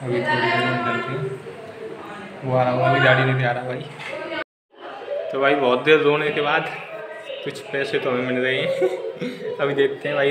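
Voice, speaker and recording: A man's voice: mid-range voice, echoey room. A young man vlogging in a casual, joking way while waiting for friends outside, filmed on a phone camera. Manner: joking, chatty, laughs often. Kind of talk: casual vlog chat.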